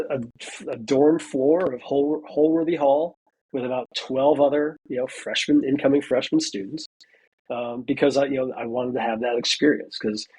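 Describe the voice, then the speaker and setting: The audio is poor, and the man's mid-range voice sounds a little mellow and slightly rough. A veteran student from the United States in his forties, he tells a story as a casual interview guest, chatting with lots of "you know" fillers and acting out quoted dialogue.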